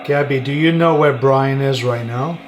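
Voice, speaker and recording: A man hosting a paranormal session, putting short, deliberate questions to a spirit with long pauses between them. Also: mid-range voice. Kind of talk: slow, pausing questions addressed to a spirit.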